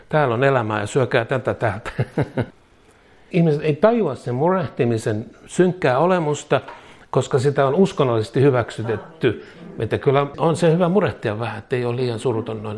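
A man's voice: medium pitch, darkish tone. Finnish-speaking man preaching a sermon. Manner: leads a repeated declaration prayer, rising in intensity; conversational teaching with occasional laughs.

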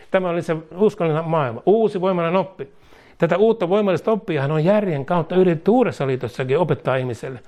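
A man preaching a sermon, rising in force as he exhorts and leading prayers phrase by phrase. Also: a little mellow. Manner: leads the congregation in prayer, phrase by phrase; rises in pitch and force as he exhorts. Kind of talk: sermon with call-and-response prayer.

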